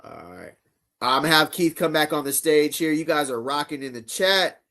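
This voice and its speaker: A man's voice: on the high side, lively intonation, moderate pace, sharp tone. A man hosting a live fan show in a casual, laid-back way, using slang and reading chat comments aloud. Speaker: show host.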